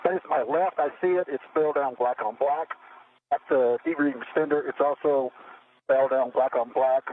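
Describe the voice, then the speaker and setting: Man astronaut, steady clipped replies, tinny space radio, faint hiss. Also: mid-range voice, normal speed. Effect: crackly space-to-ground radio link. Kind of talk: procedural suit check callouts.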